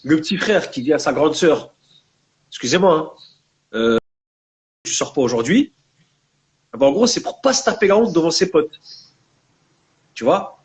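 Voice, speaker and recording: Fairly high in pitch and swinging widely up and down, his voice moves at a moderate pace with frequent pauses. The young French speaker of Maghrebi descent, a guest and book author, uses a French Maghrebi urban accent and casually drops Arabic religious terms among slang words during a discussion.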